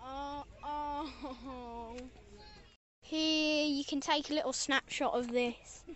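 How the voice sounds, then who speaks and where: A woman vlogging outdoors, excitable and quick to get scared, with lots of exclamations. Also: high-pitched. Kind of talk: casual vlog commentary. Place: outdoors on a cliff walk and at a zoo. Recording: dull lo-fi sound with wind noise outdoors.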